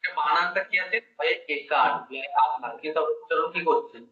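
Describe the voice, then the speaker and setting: A man's voice: on the high side, a little fast. A man teaching Bengali grammar one-on-one, explaining step by step and quizzing his student. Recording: dull echoey room, mic at a distance.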